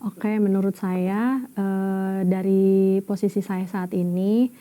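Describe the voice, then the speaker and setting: A woman's voice: mid-range voice, steady tone, takes it slowly, mellow. A woman in her thirties working in HR, answering interview questions casually with some hesitation. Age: 30s. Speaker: HR administrator.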